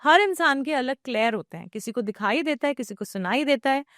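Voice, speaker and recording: A woman's voice: high-pitched, lively intonation, fairly quick, fairly bright tone, no echo, studio quality. A woman podcast guest, an Akashic record reader, explaining her practice at length and mixing English phrases into her talk.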